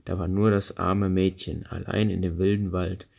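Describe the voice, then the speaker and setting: A man reading a fairy tale aloud as narrator, steady and unhurried, with small slips he corrects. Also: sits low, gravelly.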